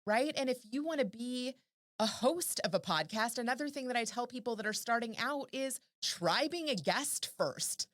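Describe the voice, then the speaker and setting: A woman's voice: on the high side, expressive, moderate pace, fairly bright tone, no echo, studio quality. A woman guesting on a podcast, giving advice by firing off strings of rhetorical questions. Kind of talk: casual podcast chat.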